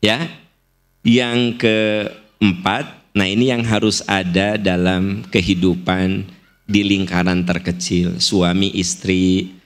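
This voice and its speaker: A man's voice: deep voice, little pitch movement, slow. A middle-aged man with a Sundanese accent giving a religious lecture in a mosque, explaining points with playful acted-out examples. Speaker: preacher. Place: large mosque.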